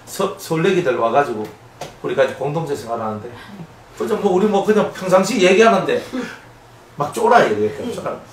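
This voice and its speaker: Animated Gyeongsang-accented preacher in an echoey hall. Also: male voice, on the high side, fairly quick. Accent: Gyeongsang Korean. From Gyeongsang region, Korea. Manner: animated, acts out quoted voices, asks the audience for agreement. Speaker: pastor. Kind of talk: sermon. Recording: echoey room, somewhat distant mic, faint noise.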